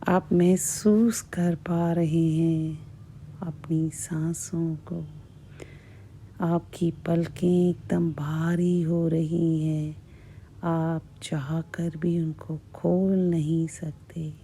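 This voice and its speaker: Slow, creaky, dark-voiced female hypnotist. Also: sits low, flat delivery, a little hiss or hum. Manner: hushed, repetitive, measured delivery with long pauses. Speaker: hypnotist guiding a relaxation session. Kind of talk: slow, soothing guided hypnosis.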